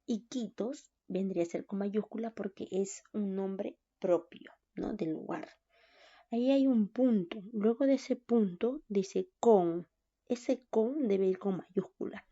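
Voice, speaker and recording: A woman walks students through a recorded online class at an unhurried pace, her voice dark and mellow. She keeps checking whether they follow. The recording sounds dull and lo-fi. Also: mid-range voice. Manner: slow, patient, checks in with "¿no?". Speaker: teacher.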